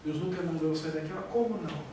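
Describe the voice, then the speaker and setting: A man's voice: on the high side, rapid-fire, dark tone. A man with a Brazilian Portuguese accent, a pastor giving an emotional testimony sermon and acting out the dialogue as he tells it. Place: church hall. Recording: very echoey hall, far from mic, faint hiss.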